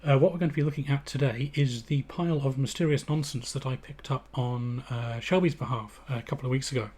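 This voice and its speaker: A man's voice: mid-range voice, a little fast, a little mellow, husky. An English man hosting a live stream, chatting casually and rambling with lots of fillers and restarts. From England. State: out of breath. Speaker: livestream host.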